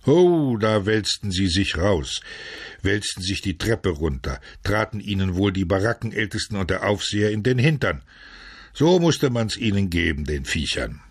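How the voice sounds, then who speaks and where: A man reading a novel aloud as scripted narration, measured and steady, switching to loud shouts for quoted lines. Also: deep voice, husky, no echo, clean studio sound. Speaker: audiobook narrator.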